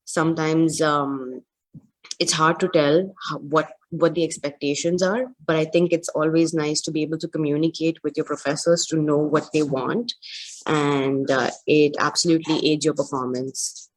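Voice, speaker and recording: Woman panelist, low voice, audible echo on the call, casual and personal. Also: level tone, moderate pace. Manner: informal with fillers, speaks of personal experience. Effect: her voice echoes back on the video call. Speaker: webinar panelist and former international college student. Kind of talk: casual webinar sharing. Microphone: video call.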